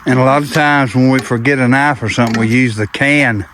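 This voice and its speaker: A man's voice: medium pitch, steady tone, a little fast. A man with an Arkansas Southern accent, chatting in a laid-back, plainspoken way as he co-hosts outdoor cooking. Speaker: outdoor cooking vlog co-host. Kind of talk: casual chat. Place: outdoors by a fire. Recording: noisy outdoor camera audio.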